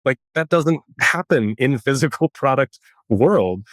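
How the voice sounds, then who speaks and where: A man's voice: mid-range voice, lively intonation, unhurried, no room sound. A man speaking as a startup founder in a candid, casual interview, with a tech-bro manner heavy on venture jargon.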